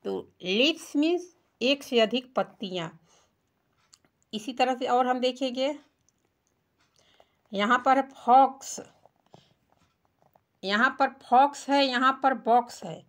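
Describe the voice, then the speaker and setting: A woman's voice: sits high, animated, slow, pauses often. A woman teaching children English singular and plural words, patiently spelling them out letter by letter. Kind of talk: children's English vocabulary lesson.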